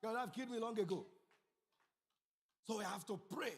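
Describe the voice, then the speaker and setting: A middle-aged man preaching a sermon as pastor, telling stories and swinging from low asides to loud emphasis. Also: normal speed, slightly rough. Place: church sanctuary. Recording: church hall reverb.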